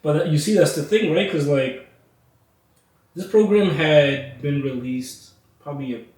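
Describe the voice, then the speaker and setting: A man's voice: fairly high pitch, measured pace, darkish tone. A young man hosting a casual podcast chat, laid-back, with lots of fillers and laughs. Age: young adult. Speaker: podcast host. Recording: echoey room, mic at a distance.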